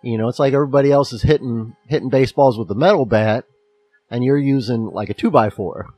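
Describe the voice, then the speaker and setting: A man's voice: medium pitch, fast, mellow, dry recording, soft background music. A man with a slight lisp, co-hosting a casual podcast chat about a book chapter and rambling with restarts. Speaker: podcast co-host.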